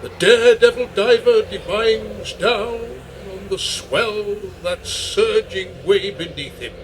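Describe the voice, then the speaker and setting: Worried uncle type, high voice, slow and whiny. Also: male voice, noisy background. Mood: reciting. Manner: worried, complaining. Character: fretful put-upon uncle, straight man of a comic act.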